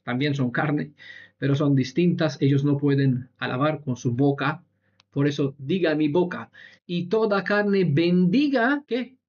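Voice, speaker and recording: A man with a somewhat high voice teaches a Bible lesson, patient and explanatory. He spells out letters slowly and keeps checking in with his listeners. The recording is dull and muffled. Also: darkish tone. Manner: spells out Hebrew letters slowly, with short laughs.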